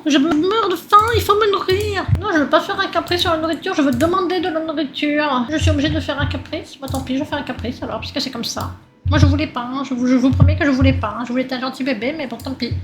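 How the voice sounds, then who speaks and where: A woman's voice: sits high, a little hiss or hum. A woman doing casual gameplay commentary, speaking as her baby character in a whiny, crude way and swearing a lot. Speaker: let's play gamer.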